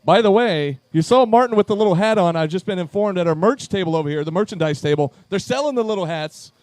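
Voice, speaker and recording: Upbeat high-voiced male event emcee. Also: lively intonation, quick pace, a little mellow, no echo. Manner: upbeat, calling names to chairs. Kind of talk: live event announcing. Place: charity event at a pub.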